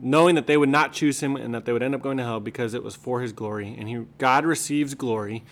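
Male co-host, medium pitch, casual explanatory podcast chat. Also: quick pace, a bit bright.

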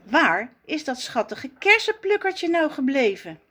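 A woman voicing a clumsy, good-natured male ape in a storybook, talking earnestly and gently to his friend. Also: high voice, sing-song, a little slow, voice pushed up, full character voice. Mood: gentle.

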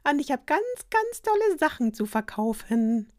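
Shrill, falsely sweet old peddler woman, a queen in disguise; played by a woman, storybook. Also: very animated, normal speed.

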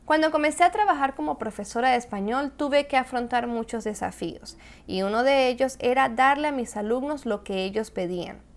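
Latin American woman teaching Spanish. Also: on the high side. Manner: clear, explanatory, slows down for example words. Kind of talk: scripted video lesson.

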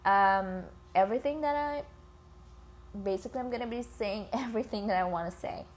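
Hosting an informal solo podcast, a woman from the Philippines speaks a little fast in a mid-range voice. She swears, addresses listeners as "guys," and records on an iPhone, with scratching audible in the background.

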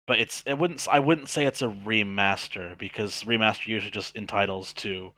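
A man's voice: fairly low pitch, brisk, sharp tone, no echo. A man co-hosting a podcast, chatting casually with friends. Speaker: podcast co-host. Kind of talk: casual banter.

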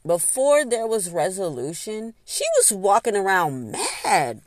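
A woman hosting a podcast, telling a story in a casual, animated way, laughing and snacking as she talks. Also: measured pace, no room sound, clean studio sound. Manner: animated, laughs often, acts out quotes in high voices; eats while talking. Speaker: podcast host.

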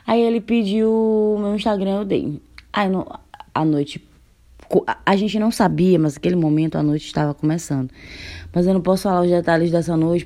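A young woman from Brazil telling a funny personal story in a casual vlog, laughing often and acting out the dialogue. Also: medium pitch. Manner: animated, laughing, acts out the dialogue.

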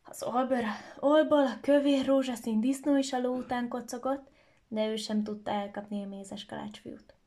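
A woman telling a children's story aloud in a lively, expressive way. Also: fairly high pitch.

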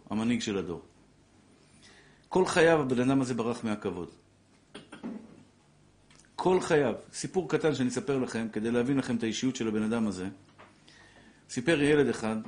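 Man, middle-aged, rabbi, animated storytelling, emotional lesson. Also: medium pitch. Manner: animated storyteller, acts out quotes, grows emotional. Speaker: rabbi teaching a Torah class.

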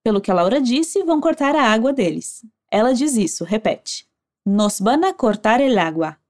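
Teaching Spanish with a Brazilian Portuguese accent, a woman gives clear, encouraging instructions and says phrases slowly for the listener to repeat. Her voice sits on the high side, animated and somewhat dark in tone.

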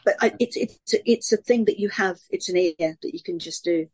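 Actress with a posh southern English accent, animated and chatty, telling stories in an interview. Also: female voice, mid-range voice, breathy edge. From Sunderland, England. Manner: lively, animated storytelling with quick voice switches. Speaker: actress and voice artist. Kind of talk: casual interview chat.

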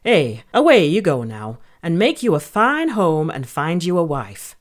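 A middle-aged mother sow speaks in a fretful, motherly voice, as a woman reads her. She starts high and then settles lower. It feels like a bedtime storybook. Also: big pitch swings, a little slow. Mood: tearful.

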